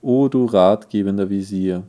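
Angry king a guy reading, emphatic, deep dark voice. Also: moderate pace, lightly acted. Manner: wrathful, emphatic. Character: angry suspicious male king.

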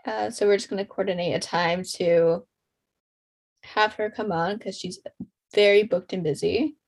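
A young woman co-hosts a podcast in a casual, conversational style. Her voice sits at a middle pitch for a woman. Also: steady tone, normal speed. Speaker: podcast co-host.

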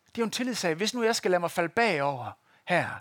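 With a high, sing-song voice that's a bit bright, a man preaches to a church congregation, mixing stories, direct address, and a live demonstration. The audio is studio quality with no echo.

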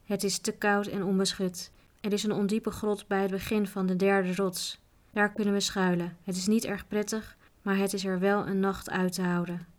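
Storybook role: a practical, grumbling male mountain guide, read by a woman in an even, level tone. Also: medium pitch, moderate pace, close to an everyday voice. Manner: grumbling, matter-of-fact.

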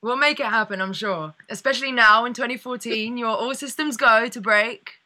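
A woman's voice: a little high, moderate pace, sharp tone. A woman hosting a casual radio interview, bubbly and laughing often. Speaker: radio host.

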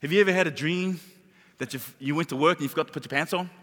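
High-voiced preaching man, echoing hall. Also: racing, fairly bright tone. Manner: emphatic, repeats words, drops to whispers. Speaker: pastor. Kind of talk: sermon. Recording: long hall reverb.

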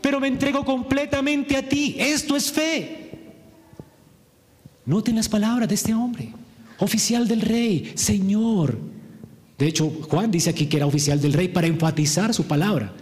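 High pitched preacher guy, dramatic pauses, long echo of a big church hall. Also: animated, a little mellow. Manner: emphatic, with rhetorical questions and dramatic pauses. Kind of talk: sermon.

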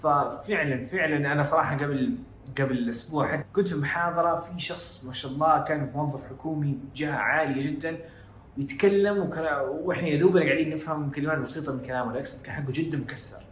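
Fast-talking Hejazi Saudi man, echoey room. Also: fairly high pitch, a little hiss or hum. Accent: Hejazi Saudi Arabic (Jeddah). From Saudi Arabia. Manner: code-switches into English phrases. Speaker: podcast host. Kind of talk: casual educational talk.

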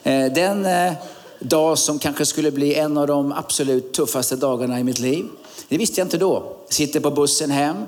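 A man's voice: a little high, darkish tone. A middle-aged man from Sweden giving a sermon as guest preacher, telling a personal story with many fillers and sudden emphatic rises.

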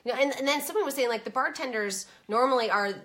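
A woman in casual conversation, chatty and loose, filling her talk with "like" and quick asides. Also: high voice, fairly bright tone. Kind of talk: casual chat.

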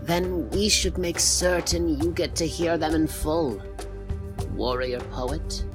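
A storyteller voicing an elderly merfolk woman elder, sly, calm and wise, who speaks in a slow, measured way. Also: medium pitch, music in the background, pitched above the performer's own voice, lightly acted. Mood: kind.

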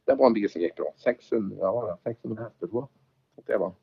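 A man's voice: on the low side, vocal fry, slightly rough. A man telling rally anecdotes in casual chat, acting out the exchanges he quotes. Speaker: former rally driver telling stories. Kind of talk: casual storytelling. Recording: dull lo-fi recording.

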